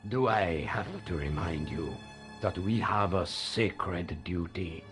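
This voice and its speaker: A deep, cold grand master. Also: male voice, faint music behind. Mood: commanding. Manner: slow, cold and commanding. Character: menacing grand master of a secret order.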